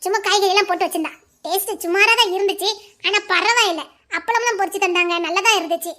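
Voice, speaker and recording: A woman's voice: very high-pitched, quick pace, sharp tone. A woman playing a chatty, teasing wife in a colloquial family drama.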